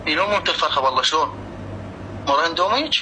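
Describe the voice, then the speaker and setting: Casting: Iraqi male, fairly high voice, extremely quick delivery, casual reassuring phone chat. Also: lively intonation. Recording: noisy line, clear background noise.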